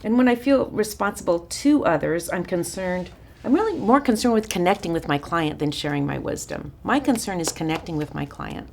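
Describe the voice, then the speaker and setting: A woman gives an informal counseling class to a small group, chatty and warm-hearted, with frequent fillers and stops and restarts mid-sentence. Her voice is raspy, gravelly, and a little low, with lively intonation and a brisk pace. A faint hum of room noise is heard behind her.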